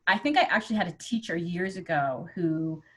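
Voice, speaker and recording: Husky, low-voiced woman host. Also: lively intonation, fairly quick. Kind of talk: casual interview conversation.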